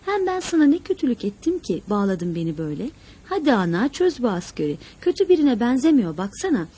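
A woman's voice: on the high side, very animated, a little fast, slightly rough. Woman voicing a furious captive young woman. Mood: pleading. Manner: pleading, then shouting in rage. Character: young woman tied to a chair, defiant and furious.

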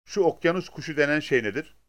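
Man doing a tough guy interrogating someone, harsh and bossy, loud. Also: fairly high pitch, animated, fast talker, voice pushed up. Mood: menacing. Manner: harsh, threatening, commanding.

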